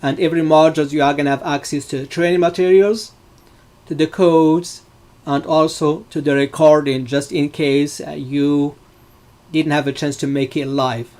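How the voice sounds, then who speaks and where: Middle-aged Moroccan-born instructor, fairly high voice, chatty class walkthrough, lots of fillers. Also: male voice, steady tone, moderate pace, a little mellow. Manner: explanatory, frequent fillers and restarts. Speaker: data science instructor. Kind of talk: live online class walkthrough.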